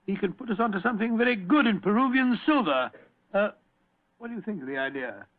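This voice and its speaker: A man's voice: sits high, expressive, quick pace. A man acting a genial, fussy, skeptical British doctor in a vintage radio drama, hesitating and repeating his words. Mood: cheerfully sheepish. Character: Doctor Watson, genial, fussy, skeptical English gentleman storyteller. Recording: thin phone-like vintage radio recording.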